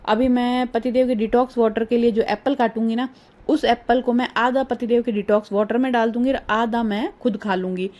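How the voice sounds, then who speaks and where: A middle-aged woman chatting through a casual vlog voice-over, rambling and homely, her voice a little hoarse. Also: on the high side, fairly even intonation, fairly quick, a little mellow. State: slightly hoarse. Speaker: vlogger. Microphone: phone.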